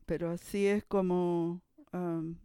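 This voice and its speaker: A preacher giving a sermon, telling a story in a halting way with frequent restarts and sudden shifts between loud and soft. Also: medium pitch, flat delivery, clean tone, no room sound.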